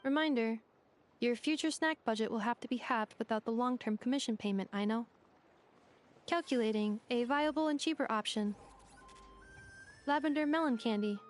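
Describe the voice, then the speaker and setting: Dutiful female robot assistant, voiced by a woman, literal and clipped, raised pitch. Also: normal speed, pauses often, soft background music, lightly acted. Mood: calculating. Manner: clipped, matter-of-fact.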